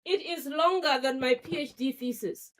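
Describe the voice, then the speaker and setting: A middle-aged woman from Zimbabwe, an author talking as a guest in a relaxed interview, animated and quick to laugh, often repeating words as she thinks. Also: sits high. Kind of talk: casual interview conversation.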